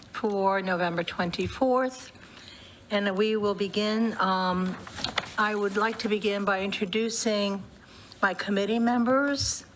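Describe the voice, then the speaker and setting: A woman chairing a public committee meeting, relaxed and chatty, with a voice she says she is losing. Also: mid-range voice, a little hiss or hum. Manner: warm, loose, laughs between remarks. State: losing her voice.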